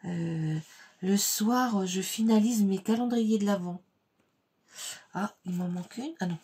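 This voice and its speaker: A woman talks through a card-making tutorial at her craft table at home. She speaks very slowly in a chatty, unhurried way and often pauses on fillers as she works. Her voice sits at a middling pitch, with a faint hiss behind it. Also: darkish tone. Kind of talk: casual step-by-step craft tutorial.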